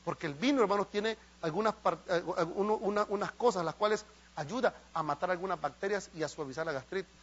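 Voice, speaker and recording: A man's voice: sits high, fast talker, lo-fi sound. A man preaching a sermon as a pastor, impassioned and asking his congregation questions. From El Salvador. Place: church.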